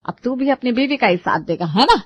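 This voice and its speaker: A woman voicing a shrill, scolding mother-in-law. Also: expressive, brisk, slight background noise, natural voice. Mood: indignant. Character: sharp-tongued traditional middle-aged mother-in-law. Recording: dull lo-fi dry recording.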